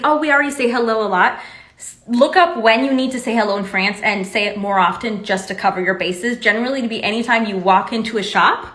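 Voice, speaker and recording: A woman's voice: fairly high pitch, fairly bright tone, echoey room. A young woman casually explaining to camera, chatty and candid with a lightly sarcastic edge. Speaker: vlogger.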